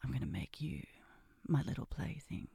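A woman doing a sultry, seductive whispered role-play, breathy and often dropping into a whisper, with a teasing, commanding way of talking. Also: very deep voice, very animated, normal speed, dark tone, dry recording, studio quality.

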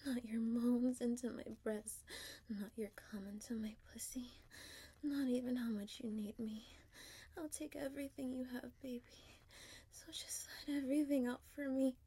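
A woman speaking in a soft, mostly whispered voice, affectionate and intimate, in an audio roleplay. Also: on the high side, steady tone, measured pace, breathy edge.

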